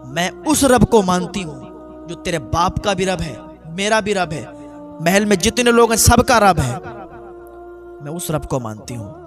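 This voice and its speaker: A devout maidservant, calm and unbending, answers every threat with firm refusal, as a male preacher voices her. The voice stays high and steady. Soft music plays faintly behind. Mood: firm defiance. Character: devout, defiant maidservant woman.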